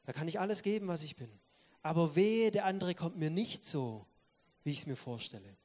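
A man preaching a sermon, speaking straight to his listeners and swinging between loud stressed words and soft, quiet asides. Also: a little high, expressive, fairly quick. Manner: emphatic, addresses listeners directly.

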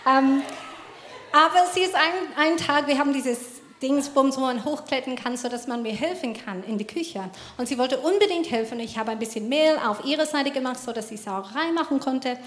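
A woman with a high, bright-pitched voice tells a lively parenting story in a casual faith talk. She laughs often and her German is slightly broken. The recording has a roomy, echoing sound. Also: normal speed. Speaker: mother telling a parenting story. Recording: roomy echo.

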